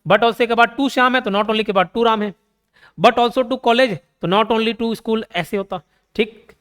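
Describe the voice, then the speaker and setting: A man's voice: sits high, slow, a bit bright, smooth, big-room sound. A man with a Chhattisgarh Hindi accent teaching a grammar class, explaining step by step and asking and answering his own questions. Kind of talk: grammar lesson.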